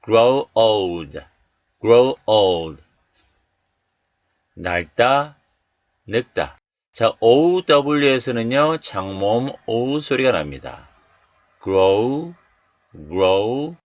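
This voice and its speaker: A man teaching English Bible verses and pronunciation, saying each word slowly and more than once before explaining it. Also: mid-range voice, animated, no echo. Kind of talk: slow, deliberate pronunciation lesson.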